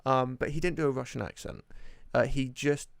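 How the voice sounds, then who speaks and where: A man's voice: medium pitch, fairly even intonation, normal speed, creaky, no room sound, studio quality. A man talking on a podcast, hesitant and full of restarts as he works out his example. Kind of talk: casual podcast discussion.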